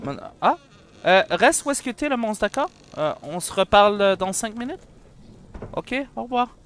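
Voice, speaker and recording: A young man with a Quebec French accent, giving excitable commentary while playing a horror game and bantering with the monster. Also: high voice, moderate pace, slight background noise. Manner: excitable, shouts and jokes at the monster. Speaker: let's play gamer.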